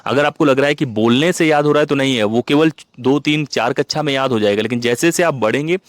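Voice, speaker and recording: A young man lectures exam students at a brisk, rapid clip. He talks to them directly and casually, like a tutor coaching a class. The recording is dry and close, with no room sound. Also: medium pitch, no room sound. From India. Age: young adult. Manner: direct, conversational, addresses viewers as "yaar". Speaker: exam-prep teacher.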